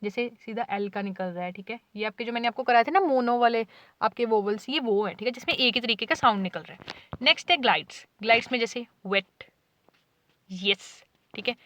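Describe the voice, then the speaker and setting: Patient woman tutor, fairly high voice. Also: a little fast, fairly bright tone. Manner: explains patiently, repeats "ठीक है" often, sounds out example words. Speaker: teacher. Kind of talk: whiteboard lecture in Hindi with English terms.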